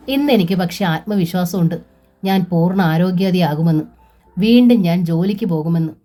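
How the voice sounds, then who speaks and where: A woman narrating a novel in a calm, steady audiobook reading. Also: lowish voice.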